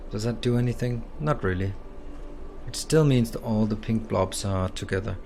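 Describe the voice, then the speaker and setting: A man's voice: lowish voice, normal speed, a little mellow, slight background noise. A man playing a puzzle game blind, muttering his reasoning aloud and mocking himself. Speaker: gaming video host.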